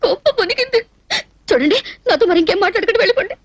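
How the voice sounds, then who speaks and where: A naive, lovestruck young woman who pleads dramatically through tears. Her voice is very high and she talks fast. The sound is dry and close to the mic. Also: animated, dry recording, highs cut off. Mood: tearful. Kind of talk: dubbed film comedy acting.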